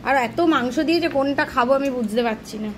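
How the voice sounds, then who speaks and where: A woman's voice: sits high, quick pace. A young woman from Kolkata with a Kolkata Bengali accent, chatting casually to her phone camera at home in a vlog. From Kolkata, India. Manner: chatty, narrates family moments to the camera. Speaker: lifestyle vlogger. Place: family home, indoors. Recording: noisy home phone recording.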